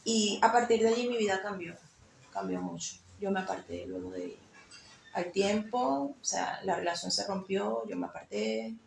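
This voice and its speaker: Gravelly woman telling her testimony. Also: medium pitch, very animated, moderate pace, a little hiss or hum. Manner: emotional, storytelling with frequent fillers. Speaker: guest sharing testimony. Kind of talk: personal faith testimony. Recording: echoey room with faint ambience.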